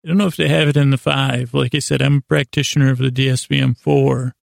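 An American man hosting a podcast tells rambling, improvised stories, halting and frequently interrupting himself with deadpan whimsy. His medium-pitched voice is gravelly and creaky, and the studio sound is clean with no room sound.

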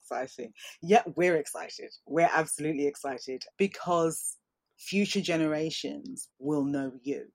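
A woman interviewer asking measured questions in an encouraging way. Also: low voice.

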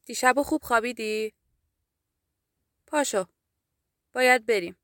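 Woman doing a tired strict nurse in an audio drama, high bright voice, pushing a patient to cooperate. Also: no room sound, studio quality, lightly acted. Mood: coaxing. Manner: coaxing then insistent, urging a difficult patient. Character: firm, weary female nurse in a psychiatric ward. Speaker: guest voice actor.

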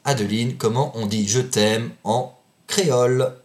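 Un jeune homme qui anime un jeu entre amis en tant qu'arbitre, taquin et faussement sévère, riant souvent. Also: male voice, medium pitch, fairly even intonation, measured pace. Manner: teasing, mock-stern, laughs often. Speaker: game host and referee. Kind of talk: joking quiz banter among friends.

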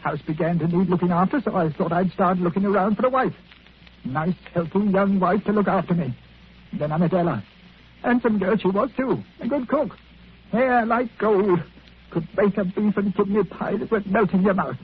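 A man's voice: sits high, normal speed, slightly rough. A whining miserly old man. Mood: complaining. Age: older. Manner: whining, grumbling, complaining. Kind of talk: 1940s radio acting. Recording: tinny old radio broadcast.

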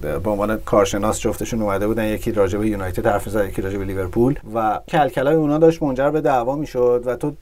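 A man hosting a podcast, chatting casually about football with animated storytelling and frequent laughs. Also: fairly low pitch, few pauses. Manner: animated storytelling, laughs at his own remarks. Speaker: podcast host.

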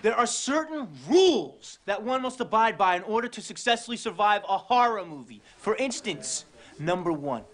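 An actor playing an excitable young man lecturing about horror film rules, in a film clip. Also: high-pitched, normal speed.

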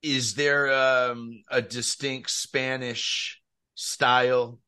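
A man's voice: medium pitch, flat delivery, extremely slow, bright, forceful tone, smooth. A man interviewing a tennis player, asking short, eager questions.

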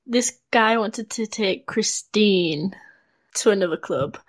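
A woman, co-hosting a podcast and telling a story in a slow, hesitant way with many fillers. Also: medium pitch, no room sound. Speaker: podcast co-host. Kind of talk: casual chat.

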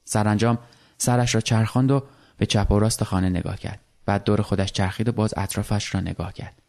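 Low-voiced man reading a story. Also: steady tone, creaky, a little mellow. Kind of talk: literary short story reading.

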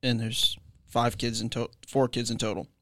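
A man in a casual podcast chat, easygoing and quick to laugh. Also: mid-range voice, level tone, sharp tone, no room sound, clean studio sound.

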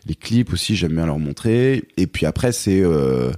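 Brief: hesitant man in his thirties, very low dark voice, dry close recording. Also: big pitch swings, normal speed, dry recording. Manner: hesitant, many fillers and restarts. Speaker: guest, songwriter and performer. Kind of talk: casual interview chat.

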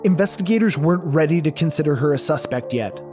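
A man's voice: on the high side, expressive. Man narrating true crime over music. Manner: measured, dramatic pauses.

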